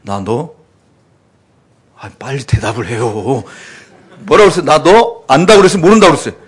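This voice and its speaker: A male preacher giving a sermon, animated, acting out quoted voices and putting questions to the congregation. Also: medium pitch, normal speed, slightly rough.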